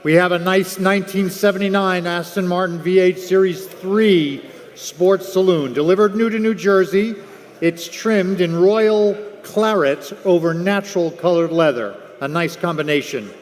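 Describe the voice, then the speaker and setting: A male announcer presents lots at an auction. His voice sits high for a man as he reads out descriptive details. It carries with long reverb through a big room. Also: moderate pace. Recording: echoey hall through PA.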